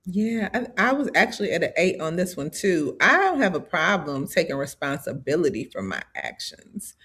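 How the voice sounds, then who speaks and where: A woman's voice: lowish voice, very animated, moderate pace, fairly bright tone, husky. A woman executive coach talking in an easygoing, slangy, chatty way. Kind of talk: casual conversational podcast.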